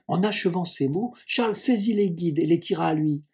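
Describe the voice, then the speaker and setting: A man reading a classic children's novel aloud in a measured, expressive way. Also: on the high side, husky. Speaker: audiobook reader.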